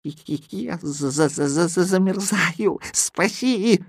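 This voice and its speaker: A man's voice: high-pitched, slow pace, husky, dry recording, studio quality, voice pushed up, heavily acted. A man voicing a weak pet cat in an audiobook, wheezing and stammering as he calls for help. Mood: desperate.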